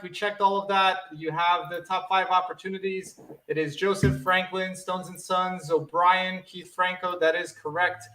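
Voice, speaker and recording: A man hosting a live online competition, checking answers aloud with rising excitement. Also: high voice, roomy sound, low-quality recording. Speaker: competition host.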